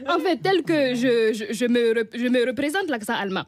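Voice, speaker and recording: A woman's voice: fairly high pitch, lively intonation, moderate pace, no echo, studio quality. A woman with a Burkinabè accent reading a humorous radio column in a wry, teasing way, chuckling often. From Burkina Faso.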